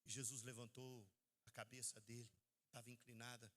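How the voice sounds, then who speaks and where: A man with a Brazilian Portuguese accent preaching a testimony sermon, swinging between hushed, intense passages and near shouts. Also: mid-range voice, flat delivery, normal speed. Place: large hall at a church event. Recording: live hall with long reverb.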